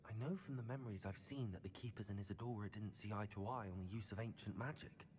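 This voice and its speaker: An actor playing a serious, thoughtful young male wizard student in video game dialogue, speaking in a measured way. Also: on the low side, darkish tone. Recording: game audio with clear noise and long reverb.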